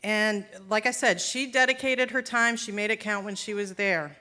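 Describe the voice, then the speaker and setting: A woman's voice: mid-range voice, normal speed, pushed and bright. A woman teacher introducing a graduate at a graduation ceremony, in an informal and chatty way. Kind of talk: graduation speech.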